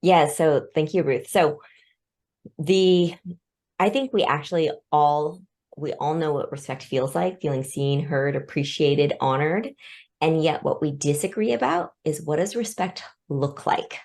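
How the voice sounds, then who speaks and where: A woman's voice: low voice, a little slow, darkish tone. A woman in her forties, born in Vietnam and raised in Seattle, speaking as an interview guest and explaining her ideas with everyday examples. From born in Vietnam, raised in Seattle, USA. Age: 40s. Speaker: guest, organizational development consultant. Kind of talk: interview conversation.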